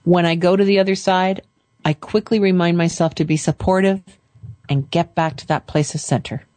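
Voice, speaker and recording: A woman hosting a call-in show, calmly leading a caller through affirmations phrase by phrase. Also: on the low side, no room sound. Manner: calm, slow, leads phrases for repeating. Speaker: radio show host and coach.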